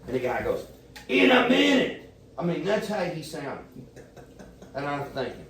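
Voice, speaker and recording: A man's voice: a little high, very animated, normal speed. Rambling profane storyteller man, echoey room. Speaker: podcast guest. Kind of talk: casual storytelling. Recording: echoey room, distant mic, faint noise.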